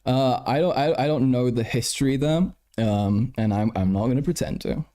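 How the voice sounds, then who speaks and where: A man's voice: mid-range voice, normal speed, warm tone. A tired man chatting casually on a late-night livestream, stuttering, repeating words and swearing as he answers his chat. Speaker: live streamer.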